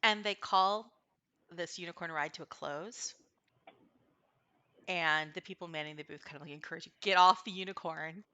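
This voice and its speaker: A woman narrating a tabletop fantasy game as game master, improvising haltingly as she thinks aloud. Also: fairly low pitch, bright, forceful tone, highs cut off.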